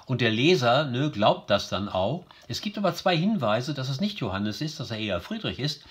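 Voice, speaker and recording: A man's voice: medium pitch, sing-song, moderate pace. Chatty man explaining a novel. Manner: chatty, many fillers and tag questions, reads quotes aloud. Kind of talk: informal lesson narration.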